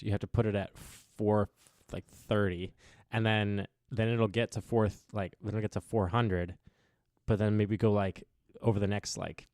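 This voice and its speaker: A man's voice: fairly low pitch, a little mellow, no room sound, clean studio sound. A man hosting a casual podcast on a headset in an apartment, rambling with lots of "like" and trailing thoughts. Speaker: podcast host. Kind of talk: casual chat.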